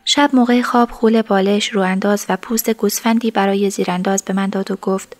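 A woman narrating a story in the first person, in a soft, sometimes whispered voice. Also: medium pitch, steady tone.

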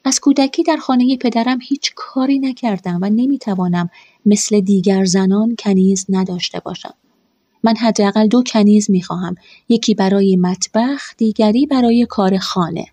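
A woman narrating a first-person story in a calm, measured way. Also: medium pitch, no room sound. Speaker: audiobook narrator.

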